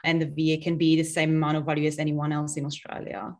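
A Czech woman in her thirties appears as a business guest on a video call, speaking with a Czech accent from a home office with a virtual background, picked up by her webcam. Her low voice is monotone and fast, and she explains things earnestly, gesturing with her hands.

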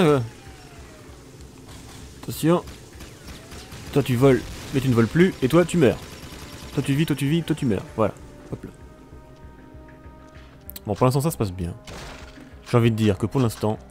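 A man's voice: mid-range voice, moderate pace, long pauses, darkish tone, faint music behind. A man doing casual, joking commentary over his own gameplay, exclaiming at the action and talking to his viewers. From France. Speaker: let's play commentator.

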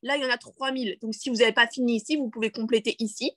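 A woman's voice: fairly high pitch, steady tone, very fast, dry recording. A woman leading a screen-share tutorial on a video call, chatty and full of fillers, checking in with her listeners often. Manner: chatty, many fillers and restarts, checks in with "d'accord?"; self-deprecating, laughs at her own English. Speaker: network marketing team leader.

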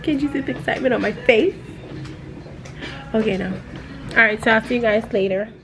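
A woman's voice: fairly high pitch, fairly quick. A woman travel vlogger chatting casually to the camera. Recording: noisy on-the-go travel audio.

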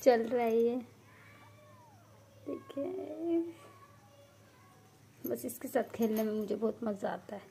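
A woman's voice: on the high side, fairly even intonation, fairly quick, vocal fry, hardly any pauses, mellow, slight background noise. A woman hosting a casual pet vlog, chatting to viewers and coaxing her cats to come and eat. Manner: coaxing, calls pets by name. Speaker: cat owner and channel host.

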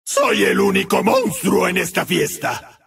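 A demonic, murderous party clown comes to life for a video game through an actor's exaggerated, gravelly, raspy, cackling voice with a Latin American Spanish accent. Speaking a little slowly, he taunts in a singsong, shouts manically, and drops without warning into low growls, with huge pitch swings and an air of gleeful menace.

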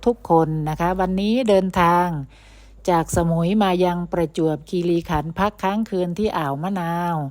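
A woman's voice: lowish voice, moderate pace, a little mellow. A woman narrating a travel vlog voice-over, chatty and friendly toward her viewers. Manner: chatty, addresses viewers as "brothers and sisters".

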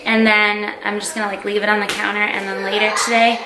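A woman vlogger in her twenties, with a mid-range voice, speaks fast in a level tone while casually meal-prepping in her home kitchen. She explains each step with plenty of fillers, filmed on a handheld camera that shifts between close selfie framing and farther shots, with loud kitchen noise in the home recording.

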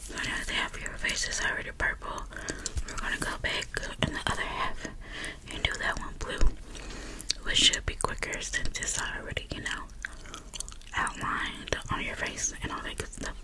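A woman doing a whispered role-play in a breathy, close-up ASMR whisper with tingly mouth sounds, rambling gently and apologetically. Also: normal speed, low-quality recording. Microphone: close-up microphone.

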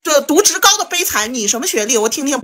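High-voiced, needling, quick-talking woman. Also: sing-song, a bit bright. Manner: persistent, needling questions, mocking. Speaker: livestream debater. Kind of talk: heated online argument.

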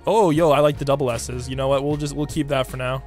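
A man with a hoarse, raspy smoker's voice, recovering from losing it, giving slangy, hyped game commentary to his viewers over music. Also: medium pitch, fairly even intonation, quick pace, darkish tone. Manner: slangy hype talk addressed to viewers. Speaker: gaming YouTuber. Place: indoor room at a computer. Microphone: desk microphone close to the mouth.

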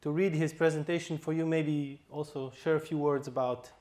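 A man's voice: fairly high pitch, steady tone, normal speed, darkish tone. A man with a Polish accent, a fire instructor, speaking informally at a workshop, with hesitant fillers and restarts. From Poland. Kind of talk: conference talk, informal. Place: workshop hall.

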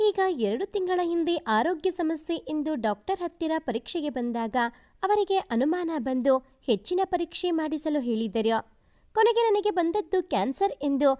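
A woman voicing a remorseful young woman who is gravely ill, read as a storybook letter in a soft, pleading tone. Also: high voice. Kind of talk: storybook narration.

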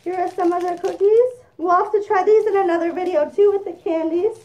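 Woman, very high voice, mellow, muffled through a costume head, chatty and excitable, unboxing vlog. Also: a little fast. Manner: chatty and excitable, gushing over gifts. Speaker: vlogger. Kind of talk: casual unboxing chat.

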